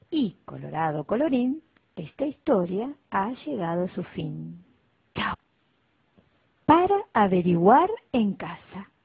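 Woman reading a kids story real slow and lively, breathy, sounds like over a phone. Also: fairly low pitch, no room sound. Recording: tinny phone-like dry recording.

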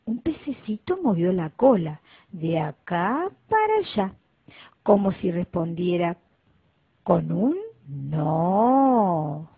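A woman reading a children's story aloud, slow and expressive. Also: on the low side, vocal fry, breathy edge, no room sound. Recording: tinny phone-like dry recording.

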